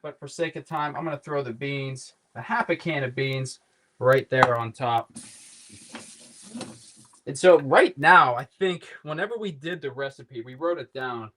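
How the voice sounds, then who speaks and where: Against a noisy background, a man from the Pittsburgh area hosts a casual live cooking demo in his kitchen at home. He speaks unhurriedly in a mid-range voice, rambling and swearing offhand.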